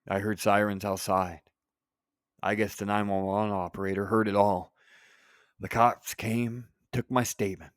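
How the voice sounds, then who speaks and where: Man, horror storyteller, low voice, slow delivery, dry close sound, dramatic pauses. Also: no room sound. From United States. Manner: deliberate, with dramatic pauses and profanity. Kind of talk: scripted first-person horror narration.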